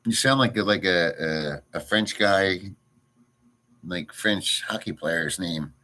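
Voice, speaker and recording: This man speaks slowly in a low-pitched voice that's bright and forceful. He's hosting a casual livestream at home in a rural province, delivering a blunt, crude, rambling rant and replying to chat.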